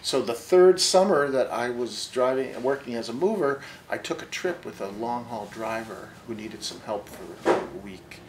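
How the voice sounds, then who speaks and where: A man's voice: medium pitch, lively intonation, normal speed, hardly any pauses, slight background noise, rough recording. A man in his sixties, an author and long-haul trucker, telling stories in an easygoing, wry way during a bookstore interview, seated in an armchair with a lapel mic. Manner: wry, easygoing, drifts quieter as he goes on. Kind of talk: casual interview storytelling.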